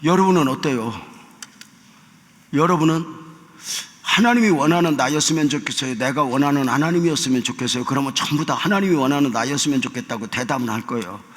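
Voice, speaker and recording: An older man, a senior pastor, preaching a sermon with stories, acting out the dialogue and swinging from hushed tones to shouting. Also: medium pitch. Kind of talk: sermon with storytelling. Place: large church sanctuary. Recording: long church hall reverb.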